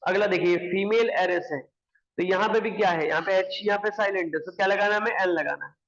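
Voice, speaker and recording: A man's voice: high-pitched, brisk, a bit bright, lo-fi sound. A man teaching English grammar, explaining step by step and answering his own questions. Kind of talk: classroom explanation.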